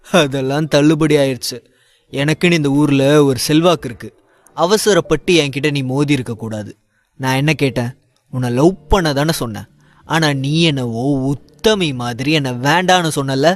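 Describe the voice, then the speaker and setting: A man's voice: mid-range voice, moderate pace, close to an everyday voice. A man voicing a sneering young villain who taunts and threatens in a mocking tone. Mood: taunting, menacing.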